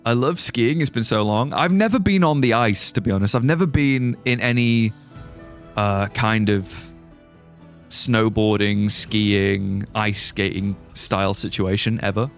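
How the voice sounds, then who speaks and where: Soft background music accompanies a young British man, born in Singapore and raised British, casually talking while he streams a game and reads chat. He speaks at a fairly low pitch and unhurried pace, rambling, restarting sentences and laughing at chat jokes.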